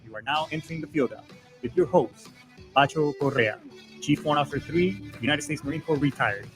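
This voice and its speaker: A man's voice: fairly high pitch, fairly quick, over music. A male podcast host calling in military radio style over a radio.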